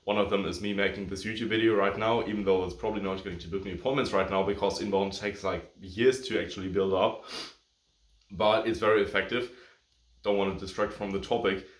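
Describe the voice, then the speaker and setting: A man's voice: on the low side, steady tone, fairly quick, reverberant. A man whose first language is German, giving casual advice to agency owners, a bit out of breath, rambling with lots of fillers and self-corrections. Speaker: agency coach. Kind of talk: casual talking-head advice video.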